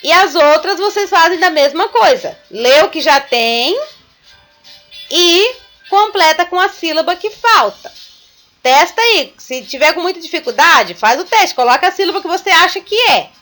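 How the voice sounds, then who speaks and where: Bright high-voiced teacher woman. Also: expressive, soft background music. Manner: slow, patient step-by-step explaining to young children. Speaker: primary school teacher. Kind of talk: recorded remote class lesson.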